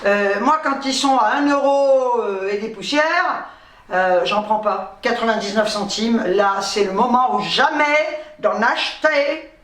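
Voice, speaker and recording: A woman's voice: a little high, expressive, takes it slowly, a bit bright, recorded from a distance. Chatty blunt woman in a roomy space. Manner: chatty, blunt, swears casually. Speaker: vlogger. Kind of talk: casual haul vlog. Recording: roomy, from off-mic.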